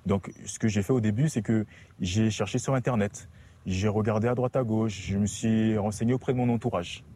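A young man from French Guiana speaks about his path as a student, calm and reflective. His voice is low and mellow, with faint background noise around it. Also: normal speed. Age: young adult. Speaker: student interviewed in a report. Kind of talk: reflective personal account.

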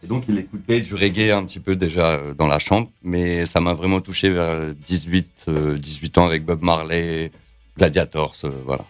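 Low voiced guy from the vosges, lots of euh, soft music behind. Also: fairly even intonation, moderate pace, clean tone. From Vosges, France. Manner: hesitant, many fillers. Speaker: label founder, musician. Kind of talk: casual interview answers.

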